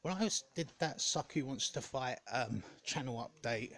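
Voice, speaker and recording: A man giving a casual, rambling vlog update in a hesitant, halting way, often correcting himself. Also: medium pitch, expressive, a bit bright. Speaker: gaming content creator.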